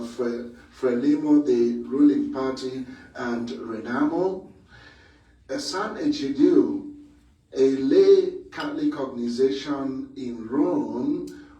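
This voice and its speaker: A man raised in Nigeria, a priest and academic, giving a slow, measured panel talk with frequent pauses. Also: medium pitch, mellow. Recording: echoey room, distant mic.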